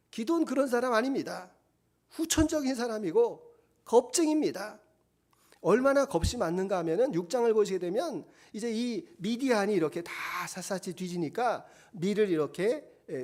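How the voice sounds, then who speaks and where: Middle-aged pastor guy preaching, high voice going up and down a lot, really animated storytelling. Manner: animated storytelling with acted quotes. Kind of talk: sermon.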